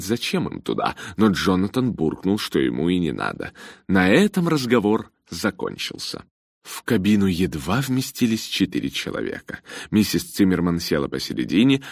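A man with a very low, gravelly voice narrates an audiobook. His reading moves widely up and down in pitch. The sound is close and dry. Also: no room sound. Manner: expressive, storytelling.

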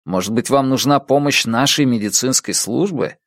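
A man's voice: medium pitch, normal speed, fairly bright tone, no room sound, clean studio sound, natural voice. A man reading the part of a skeptical, insistent Russian astronomer who keeps pressing with questions, in an audiobook.

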